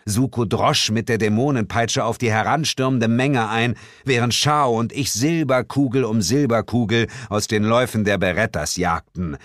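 A man narrating a comic horror story in a dramatic way and slowing down for ominous lines. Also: mid-range voice, no room sound, studio quality. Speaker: audiobook narrator.

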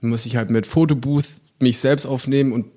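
A man's voice: mid-range voice, steady tone, a little fast, mellow. A man in his twenties, an actor, talking casually in an interview, rambling with many fillers and restarts. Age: 20s.

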